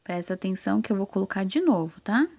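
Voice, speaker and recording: A Brazilian woman teacher giving a recorded reading lesson to young children. She sounds out syllables deliberately and keeps checking that the child is following. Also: medium pitch, lively intonation, vocal fry, very noisy. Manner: slow, deliberate, stretches out syllables and checks in often.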